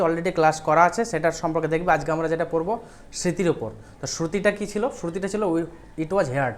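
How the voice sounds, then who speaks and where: A woman's voice: fairly low pitch, a little hiss or hum. A woman teacher with a Bengali accent giving an exam-prep history lecture, explaining step by step and often checking with questions.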